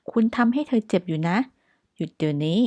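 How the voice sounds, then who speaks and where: A woman with a Thai accent teaching English phrases, explaining in Thai and repeating each example slowly and carefully. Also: fairly low pitch, warm tone, no echo. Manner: reads example sentences very slowly and clearly, twice.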